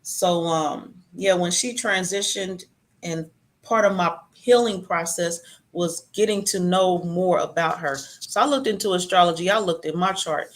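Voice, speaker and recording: A woman chatting casually, telling personal stories with a warm, conversational flow. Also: lowish voice, a little slow. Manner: chatty, storytelling.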